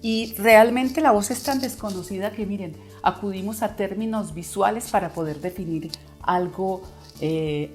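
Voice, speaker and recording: A woman voice coach explaining how the voice works in a video lesson, sometimes acting out listeners' reactions. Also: on the low side.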